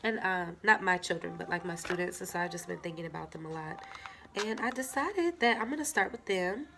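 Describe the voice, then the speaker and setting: A woman with a stuffy nose reads tarot cards to camera, chatting casually and directly to viewers with plenty of filler words. Her lowish voice has lively intonation, a brisk pace, and vocal fry, with background noise present.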